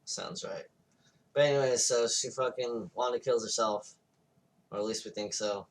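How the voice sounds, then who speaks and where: A man's voice: medium pitch, steady tone, moderate pace, distant mic, slight background noise. A man co-hosting a podcast, retelling a movie plot in casual, profane chat. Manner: loose, profane retelling with acted-out quotes. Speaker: podcast co-host.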